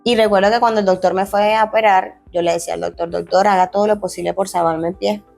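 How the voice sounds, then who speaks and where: A woman's voice: mid-range voice, fairly even intonation, fast, gravelly, a little mellow, faint music behind. Earnest woman retelling her injury story. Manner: earnest, many restarts, acts out quoted dialogue. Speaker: guest, former athlete turned fitness coach. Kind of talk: emotional personal storytelling.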